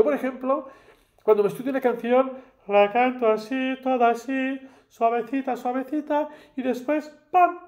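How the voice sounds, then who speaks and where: A man from Spain with a very high-pitched, darkish voice teaches a singing lesson in Spanish. He talks through the exercises encouragingly and sings short scale demonstrations on "la".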